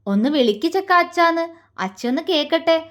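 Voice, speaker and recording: A young male doctor with a teasing, mocking edge, put on by a woman reading a romance story. He slips into cooing baby talk and then scornful jabs, all in a high voice. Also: expressive, brisk, fairly bright tone. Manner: playful baby talk turning to scornful taunts.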